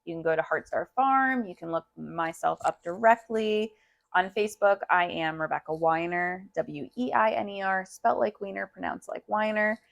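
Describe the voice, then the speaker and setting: A woman farm owner speaks as a guest in a relaxed interview. Her voice is low and carries a lot of gravelly fry. She talks in an earnest, easygoing way. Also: normal speed. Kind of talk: casual interview chat.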